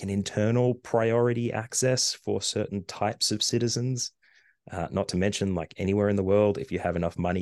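A man's voice: low-pitched, dry recording, clean studio sound. A middle-aged Australian man, a podcast guest, chatting casually with hesitant fillers. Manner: relaxed, rambling with fillers and hesitations. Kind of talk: casual conversation.

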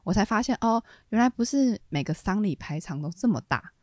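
Fast-talking young woman telling a story. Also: medium pitch, no room sound, studio quality. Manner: animated, laughs often, quick rambling restarts. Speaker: podcast co-host. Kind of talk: casual storytelling chat.

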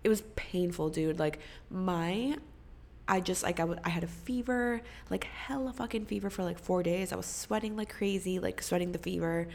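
Congested and coughing, a young woman hosts a podcast, rambling through a casual chat and swearing freely. Her voice is on the low side, gravelly and darkish, at a normal pace.

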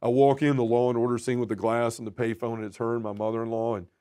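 A man in a podcast conversation, sharing a deeply personal faith story with earnest feeling. His voice sits at an ordinary middle pitch and often sinks softly at the ends of phrases. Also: flat delivery, fast, smooth. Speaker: podcast guest.

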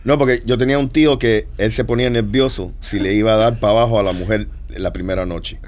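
A man in a casual group chat, telling stories in a relaxed way. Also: lowish voice, quick pace, slight background noise. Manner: relaxed storytelling.

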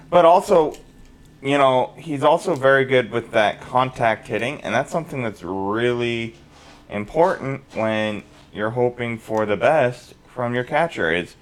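A man's voice: medium pitch, fairly bright tone. A man co-hosting a podcast in casual sports chat, rambling on and putting questions to his co-host.

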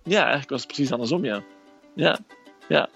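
A man with a gravelly voice telling a personal story, recorded dull and lo-fi with faint music. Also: medium pitch, lively intonation, fairly quick, fairly bright tone.

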